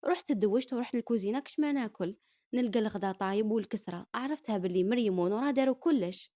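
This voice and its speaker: Algerian girl telling her story, talks fast, chatty. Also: on the high side, warm tone. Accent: Algerian Arabic. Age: young adult. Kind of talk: first-person story narration.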